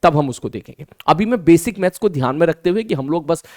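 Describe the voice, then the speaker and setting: A male teacher with a high voice, talking through a maths lesson in a lively way and voicing his students' replies himself. He slows right down to spell out new terms. The sound is dry and close, with no room echo. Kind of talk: online math lesson.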